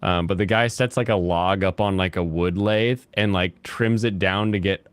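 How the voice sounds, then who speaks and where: Deep, smooth-voiced young man chatting over gameplay. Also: fairly even intonation, dry recording. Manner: rambling, halting, with frequent fillers. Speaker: gaming host. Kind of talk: casual gameplay chat.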